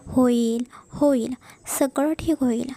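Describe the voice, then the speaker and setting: A woman voicing a calm middle-aged father in a read-aloud story, speaking in a steady, reassuring way. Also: high voice, slow pace. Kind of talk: storybook narration.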